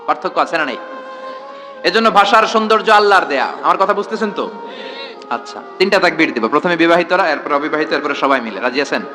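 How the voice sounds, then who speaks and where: A man's voice: on the high side, lively intonation, fast talker, over music. A man preaching a sermon to a large gathering in a tent, throwing rhetorical questions at the crowd and calling for responses.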